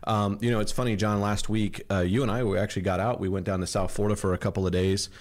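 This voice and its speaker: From his home kitchen, a man hosts a podcast, chatting casually and telling stories in a rambling way. His voice is on the low side and darkish, fast, with little movement in pitch.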